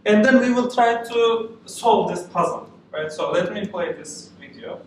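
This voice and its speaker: A man's voice: high-pitched, animated, measured pace, a little hiss or hum. A man from Turkey gives a friendly live meetup talk with many uh fillers, often checking in with okay and right. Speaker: meetup speaker and organizer. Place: event room with audience. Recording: echoey room from far off.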